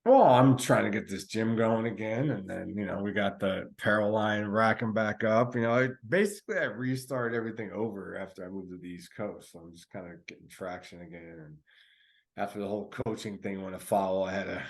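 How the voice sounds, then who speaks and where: A man's voice: fairly low pitch, fairly quick, gravelly. A man co-hosting a podcast in casual chat, laid-back and rambling with many fillers. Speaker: podcast co-host.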